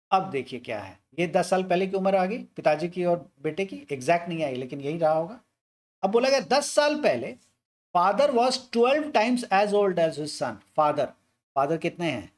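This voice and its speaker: A man with a high voice teaches maths, working through an age word problem step by step while asking and answering his own questions.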